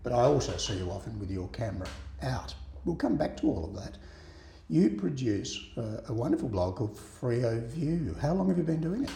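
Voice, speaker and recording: A man's voice: medium pitch, sing-song, moderate pace, creaky, dark tone, echoey room, slight background noise. A man hosting an interview, chatty and genial, often repeating words as he asks questions. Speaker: radio show host.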